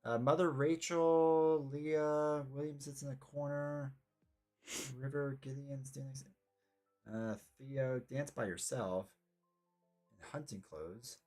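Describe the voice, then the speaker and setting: A man's voice: mid-range voice, steady tone, takes it slowly, a little mellow, soft background music. A man guiding a tabletop game on a live stream in casual chat, giving instructions, with slight background noise.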